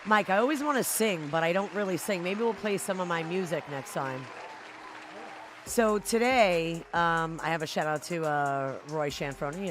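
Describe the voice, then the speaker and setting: A woman hosting a live talk show, effusive and chatty, full of shout-outs. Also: sits low. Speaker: radio show host.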